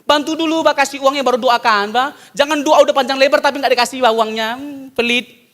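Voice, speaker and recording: A man preaching a sermon, animated, jumping from loud exclamations to soft asides and mimicking people for laughs. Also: extremely high pitch, fast talker. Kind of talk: sermon with jokes. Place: church hall. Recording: long church hall reverb.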